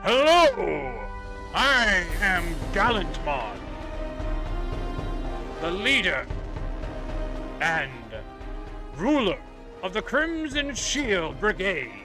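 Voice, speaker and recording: A man voicing a stern, royal monster knight who proclaims grandly in a booming warrior-king manner for a tabletop game. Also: very animated, extremely slow, long pauses, music in the background, heavily acted. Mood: proud, proclaiming.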